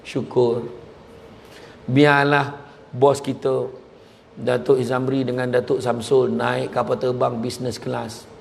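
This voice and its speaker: A man's voice: mid-range voice, slow, gravelly, long pauses, slight background noise. A man giving a comic motivational talk to an audience in a large hall, joking and acting out characters. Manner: joking, animated, acts out characters. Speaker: motivational speaker.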